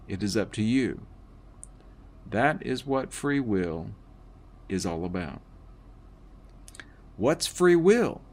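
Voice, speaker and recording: A man narrates a first-person book in a slightly low voice. He reads very slowly and deliberately, with the occasional slip and restart. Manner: slow, measured reading with small slips and restarts. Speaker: audiobook reader.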